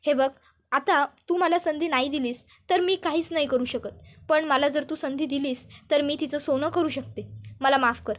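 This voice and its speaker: A woman's voice: sits high, fairly even intonation, moderate pace, close to an everyday voice. A woman voicing a young woman who pleads tearfully for forgiveness, repeating "please". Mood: pleading.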